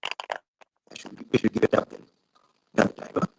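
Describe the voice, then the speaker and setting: A man speaking as an interview guest over a video call whose audio crackles and breaks up, halting and repeating words. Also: a little mellow.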